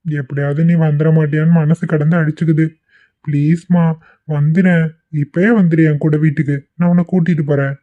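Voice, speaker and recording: A man voicing a young husband in an amateur cartoon, gentle and coaxing as he pleads with his wife. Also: fairly high pitch, level tone, fairly quick, natural voice. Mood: pleading. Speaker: voice actor. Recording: tinny phone-like recording.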